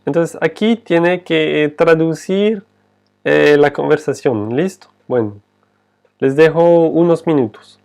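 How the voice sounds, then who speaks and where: Man, French teacher, slow careful delivery, smooth resonant voice, repeats words for learners. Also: a little high, darkish tone. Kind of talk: slow, patient language lesson.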